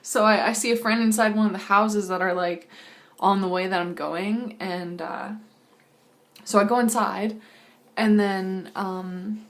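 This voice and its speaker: A woman in her early twenties casually recounts a dream in a hazy, halting, rambling way, with loose slangy phrasing. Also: medium pitch, steady tone. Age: early 20s. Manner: acts out quoted exchanges in casual slangy speech.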